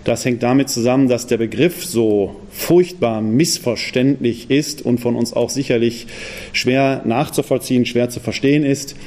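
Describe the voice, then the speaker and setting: Man, from the Ruhr area, public lecture, warm mellow voice, quick talk, rhetorical questions. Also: medium pitch. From Ruhr area, Germany. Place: parish hall.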